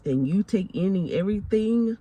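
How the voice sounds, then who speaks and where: Her medium-pitched voice is warm, expressive and slightly rough, and she speaks fairly quickly. She's a faith and lifestyle vlogger in her forties with a Southern American accent, preaching emphatically to camera, repeating phrases for emphasis and calling viewers honey.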